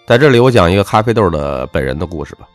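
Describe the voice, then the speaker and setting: Low voiced guy lecturing, really punchy and swingy, dry close sound, soft music behind. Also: very animated, very fast, no room sound. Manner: emphatic, lecturing, swings between punchy highs and dropped low endings. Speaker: self-help speaker. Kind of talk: motivational monologue with personal anecdote.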